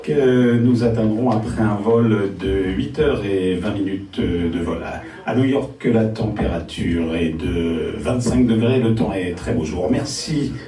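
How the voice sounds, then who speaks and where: A man playing an airline captain who makes a formal, hesitant cabin announcement over the loudspeaker from the cockpit, chuckling as he speaks. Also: fairly low pitch, a little slow, few pauses, soft background music. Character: male airline captain greeting passengers. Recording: echoey, distant, with cabin crowd noise.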